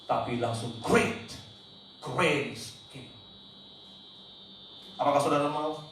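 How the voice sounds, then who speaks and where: A man preaching a sermon as pastor, emphatic, tossing in English words and sometimes shouting out quoted cries. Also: fairly high pitch, takes it slowly. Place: church hall. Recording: very echoey church hall, mic at a distance, faint noise.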